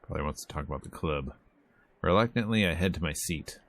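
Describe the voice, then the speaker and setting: A fast-talking man with a deep, animated voice plays a game on stream, narrating its text with playful, casual commentary and performing the lines. The game's visual novel music and character voices can be heard behind him.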